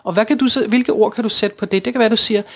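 A woman's voice: mid-range voice, steady tone. Earnest woman coaxing spiritual talk. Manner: earnest, repetitive, coaxing, acts out inner voices. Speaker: spiritual guide. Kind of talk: casual spiritual conversation.

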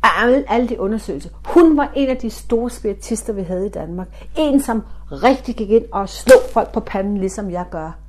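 A middle-aged woman from Denmark, a spiritualist medium, telling a story in an animated way and acting out the dialogue in different voices. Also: mid-range voice, few pauses. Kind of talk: storytelling talk.

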